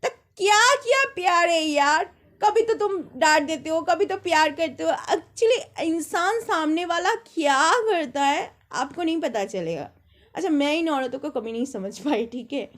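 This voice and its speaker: A young woman with a high voice tells rambling personal stories in an easy, conversational way. She slips into quick impressions of the people she talks about. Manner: chatty, rambling anecdotes with mimicked quotes. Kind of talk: casual storytelling monologue.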